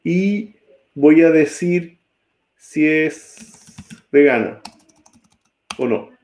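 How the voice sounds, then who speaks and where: A man's voice: fairly high pitch, lively intonation, very slow, darkish tone. A man teaching a programming class, typing code as he talks and often checking that students follow. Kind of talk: live-coding class.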